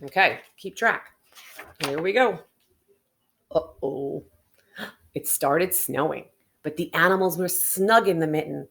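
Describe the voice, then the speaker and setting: A woman reads a picture book to children with lots of expression, stretching words for emphasis and dropping in chatty asides and questions for her listeners. Her voice sits low and creaky, and she goes slowly, pausing often.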